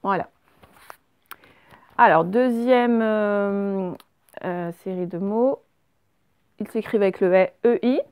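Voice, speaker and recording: A woman teacher talks slowly and patiently, spelling each word out letter by letter for young children. Her voice sits at a middle pitch and is recorded close and dry, with no room sound around it. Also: a little mellow, clean tone, dry recording. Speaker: primary school teacher. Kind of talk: recorded remote spelling lesson.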